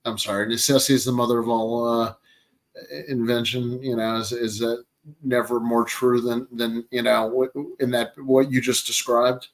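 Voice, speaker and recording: A man hosting a casual chat, speaking haltingly and searching for his words. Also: mid-range voice, level tone, poor audio.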